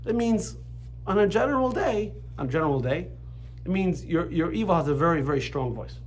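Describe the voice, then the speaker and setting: Chatty rabbi man, slightly high voice. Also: lively intonation, fairly quick, a little hiss or hum. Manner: chatty, many restarts and asides. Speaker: rabbi teaching a class. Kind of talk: Torah lesson with casual storytelling. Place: classroom with students.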